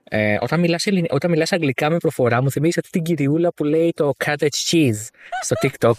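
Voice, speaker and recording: A man's voice: a little high, dry recording. A man co-hosting a casual podcast chat about motor racing, teasing and sarcastic. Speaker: podcast co-host.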